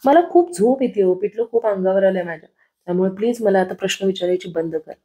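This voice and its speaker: A woman voicing a sharp-tongued young wife who snaps back, retelling a TV serial scene. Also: medium pitch, quick pace, natural voice. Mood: snappy. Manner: snappy, haughty.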